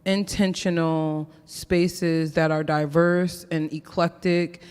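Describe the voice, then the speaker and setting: Slow-spoken stage host in a reverberant hall. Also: mid-range voice, level tone, a little mellow, clear, resonant tone. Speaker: host, conversation moderator. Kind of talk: relaxed on-stage conversation. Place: theater stage.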